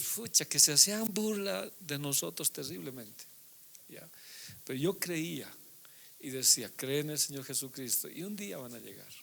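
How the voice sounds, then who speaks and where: Gravelly-voiced male pastor preaching. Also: on the high side, a bit bright. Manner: conversational preaching, frequent tag questions. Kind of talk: sermon.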